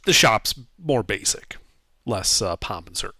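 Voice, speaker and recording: Male game master, casual improvised narration, halting delivery, lively intonation, dry close sound. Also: fairly low pitch, no echo. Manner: halting, searching for words.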